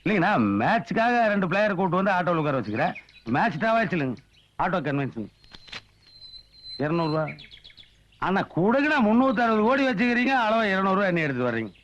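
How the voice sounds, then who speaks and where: An actor playing a fast-talking, scheming male comic fixer in a film comedy scene, with cheeky, wheedling banter. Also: sits high, very animated, fairly bright tone, dull audio. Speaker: comic sidekick. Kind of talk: Tamil film comedy acting.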